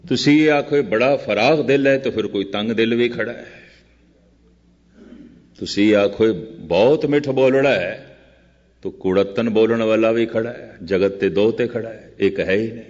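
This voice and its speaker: Older man preaching slowly in a reverberant hall. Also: fairly low pitch, a little mellow. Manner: slow, measured, repetitive contrasting phrases; chants quoted verse very slowly. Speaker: Sikh preacher giving katha. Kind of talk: scripture discourse sermon. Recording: muffled old recording with long hall reverb.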